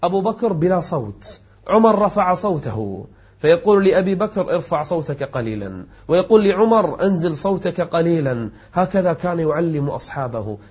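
Male preacher, sermon, slightly high voice, husky, swings soft to loud, chants verses. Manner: chants verses in a slow melodic recitation; emphatic, swings from soft low tones to raised exclamations. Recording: dull lo-fi recording.

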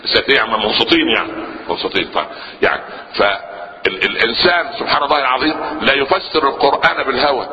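A man's voice: mid-range voice, quick pace. A man with an Egyptian Arabic accent preaching a sermon, quizzing the listeners with rhetorical questions. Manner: lively, rhetorical questions to the audience. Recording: lo-fi reverberant hall recording.

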